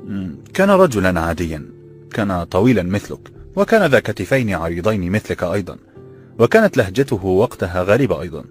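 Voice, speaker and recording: A man voicing a calm, kind old bookseller who speaks formal classical Arabic, in a slightly raised voice. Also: sits low, fast talker, soft background music.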